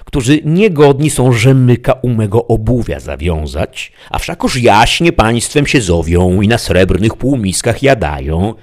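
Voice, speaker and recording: A man's voice: on the low side, lively intonation, a little slow, few pauses, darkish tone. A man reading an audiobook aloud, voicing a crude, talkative peasant squire in a raised, folksy, complaining tone.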